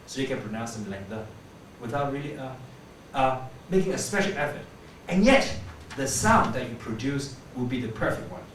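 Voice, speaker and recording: A man teaching pronunciation, explaining each sound and slowly repeating example words to demonstrate it. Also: mid-range voice, expressive. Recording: echoey room, voice from a distance, faint background hum.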